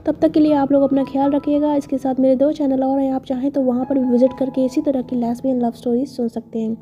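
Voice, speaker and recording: High, mellow woman telling a story. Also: level tone, fast. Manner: chatty, with filler asides. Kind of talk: casual storytelling narration. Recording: dull lo-fi recording.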